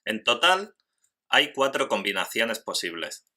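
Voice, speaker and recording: A man teaching a grammar lesson in scripted narration, slowly and carefully spelling out syllables. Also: on the low side, big pitch swings, bright, forceful tone.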